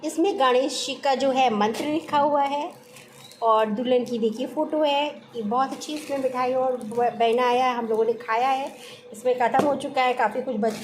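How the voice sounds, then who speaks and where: A woman's voice: a little high, darkish tone, a little hiss or hum. A middle-aged woman vlogging casually from home, homely and chatty, now and then lecturing. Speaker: family vlogger. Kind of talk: casual vlog chat.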